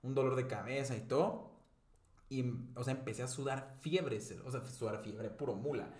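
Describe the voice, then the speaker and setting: A young man tells a story in casual podcast chat, rambling, swearing often and breaking into loud laughs. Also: mid-range voice, moderate pace, reverberant. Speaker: podcast co-host telling a story.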